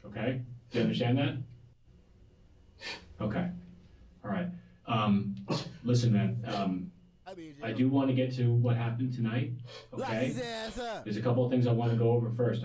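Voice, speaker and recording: A man working as a sheriff's detective, calmly questioning a suspect in a police interview room, recorded on old interrogation tape. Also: medium pitch. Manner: calm, soothing, repeats "okay?" constantly. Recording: distant, dull, echoey interrogation tape.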